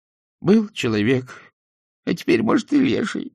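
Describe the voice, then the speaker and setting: A man putting on a high, begging forest creature. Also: sing-song, normal speed, creaky, slightly rough, heavily acted. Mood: pleading. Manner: tearful, begging, high-pitched. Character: frightened hairy forest creature, male, pleading.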